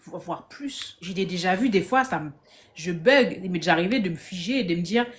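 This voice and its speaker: A woman telling a story casually on a live video stream from her phone. She speaks with lively energy, keeps restarting her phrases and acts out the lines of the people in her story. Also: fairly low pitch, fairly quick. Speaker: guest on a live discussion.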